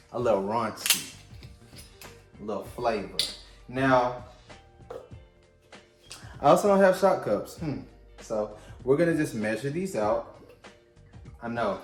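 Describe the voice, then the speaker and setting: A man's voice: mid-range voice, roomy sound. A man hosting a casual at-home drink-making video, with a playful, chatty manner, talking straight to his viewers. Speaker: vlog host.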